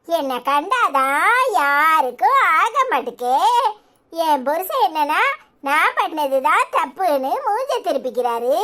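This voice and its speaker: A woman's voice: very high-pitched, bright, forceful tone, heavily acted. A woman voicing a weepy melodramatic mother with a Tirunelveli accent. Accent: Tirunelveli Tamil. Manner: whiny, tearful, melodramatic. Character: weepy middle-aged mother threatening to leave home.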